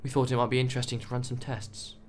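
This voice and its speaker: A composed, professional male researcher who lays out facts without hurry, as a male narrator voices him. His tone stays tranquil and level, with a middle pitch. A faint hum sits behind him. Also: monotone, lightly acted. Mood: calm. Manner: tranquil, measured.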